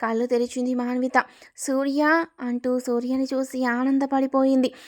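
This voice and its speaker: A woman's voice: a little high, little pitch movement, normal speed. A woman narrating a family story, reading every character's lines in her own voice. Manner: reads all dialogue in her own narrating voice; breaks off to ask viewers for likes.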